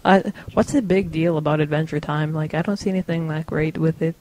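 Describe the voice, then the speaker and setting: Teasing teenage podcast host. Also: male voice, on the high side, steady tone, fairly quick, darkish tone, a little hiss or hum, rough recording. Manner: teasing, joking. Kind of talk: casual chat among friends.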